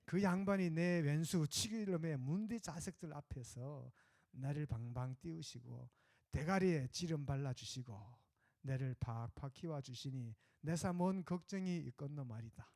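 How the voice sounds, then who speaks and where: A man's voice: on the high side, gravelly, darkish tone. A man putting on a blunt Gyeongsang country speaker. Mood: earthy. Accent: Gyeongsang dialect. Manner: slow, earthy, blunt country phrasing. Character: folksy rough-spoken Gyeongsang man reciting a psalm. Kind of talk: sermon illustration, dialect recitation.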